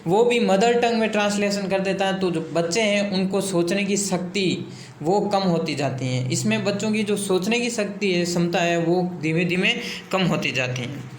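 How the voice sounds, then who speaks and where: A man's voice: sits high, moderate pace, slight background noise. A man teaching an exam-prep lesson, explaining by repeating points and glossing English terms in Hindi. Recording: echoey room, faint ambience.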